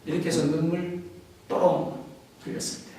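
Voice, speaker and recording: A man's voice: on the high side, little pitch movement, normal speed, mellow. A man preaching a sermon as a pastor, in a conversational way, acting out the voices he quotes. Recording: echoey hall from far off with faint noise.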